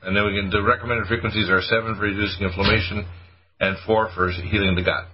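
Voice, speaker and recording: A man's voice: on the low side, level tone, fast talker, slightly rough, dull audio. A man hosting a show and giving supplement advice, hesitant, full of fillers and restarts. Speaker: show host recommending supplements. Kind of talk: casual on-air advice.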